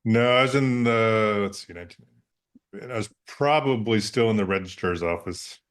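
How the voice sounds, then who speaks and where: A man's voice: on the low side, normal speed. A man in his fifties, podcast co-host, chatting casually with wry self-deprecating humor. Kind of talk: casual chat.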